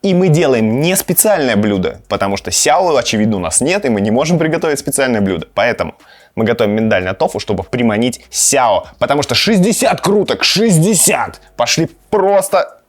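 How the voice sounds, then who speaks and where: A man with a medium-pitched, very animated voice talks fairly quickly as host of a gaming and cooking channel. He chats casually and playfully to the camera, reacting to gameplay and sometimes talking to his cat.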